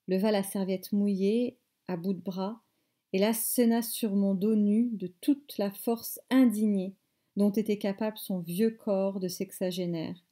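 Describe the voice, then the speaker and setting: A woman teacher reading a novel aloud in measured phrases, stopping to explain words. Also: medium pitch, warm tone. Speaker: French teacher.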